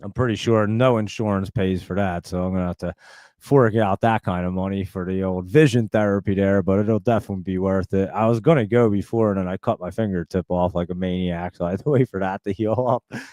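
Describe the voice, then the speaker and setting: Dry and studio quality, the recording captures a low, dark-toned voice that is brisk with fairly even intonation. The New Jersey man in his forties hosts a live stream, chatting loosely about viewer comments with many fillers and false starts.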